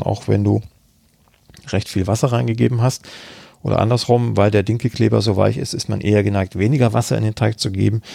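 A man with a gravelly, dark, husky voice, explaining bread baking in a podcast interview. He thinks aloud and fills pauses with many hesitations. The sound is close and dry. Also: lowish voice, dry recording. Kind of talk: podcast interview answering questions.

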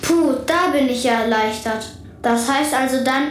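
A woman plays a little talking planet from a children's radio show, high-voiced, childlike and curious. The delivery is expressive, pouty and naive, in a roomy echo with music behind. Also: measured pace. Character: little planet Pluto as a space correspondent, touchy, curious, childlike. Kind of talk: children's radio character dialogue.

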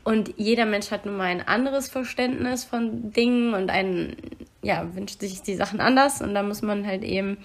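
A woman's voice: mid-range voice, normal speed. A woman co-hosting a podcast, talking casually and reflectively about relationships and acting out little quoted remarks. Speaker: podcast co-host.

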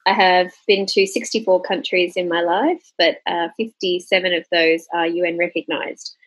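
A woman's voice: on the low side, steady tone, normal speed, dry recording, rough recording. A woman in her thirties co-hosting a casual travel podcast, chatty and laughing often, correcting herself mid-sentence. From Australia. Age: 30s. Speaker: podcast co-host.

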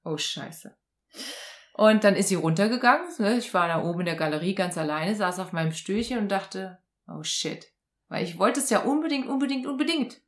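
A woman as an interview guest, telling a personal story in conversation with lively acted-out dialogue. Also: mid-range voice, fast talker, few pauses. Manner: animated, acts out quoted dialogue.

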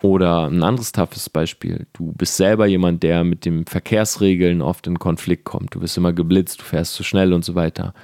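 Deep-voiced man giving earnest motivational talk. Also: steady tone, normal speed, vocal fry, hardly any pauses, warm tone, no echo, studio quality. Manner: earnest, direct, addresses the listener as you; casual, with fillers and mild swearing. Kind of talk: motivational monologue to the listener.

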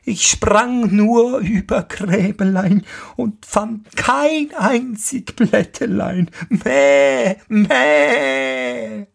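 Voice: medium pitch, drawn-out words, vocal fry, voice pushed up, heavily acted. A storyteller voicing a spiteful, lying female goat who answers in sing-song rhymes and bleats. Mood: bleating.

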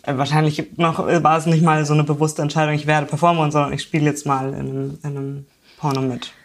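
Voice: mid-range voice, flat delivery, quick pace. An interviewer asking curious questions in a hesitant, thoughtful way.

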